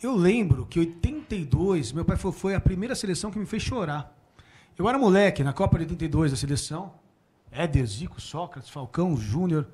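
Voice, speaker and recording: Brazilian man in his forties, high and very lively voice, chatty talk-show guest telling stories. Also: a little fast. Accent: Brazilian Portuguese. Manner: animated, laughs often, quotes his father. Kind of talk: casual storytelling. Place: small room before a small audience.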